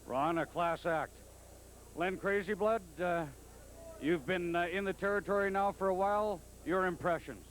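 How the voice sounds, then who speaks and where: A man interviewing wrestlers and giving measured commentary on a 1989 TV broadcast. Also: high voice, fairly bright tone, rough recording.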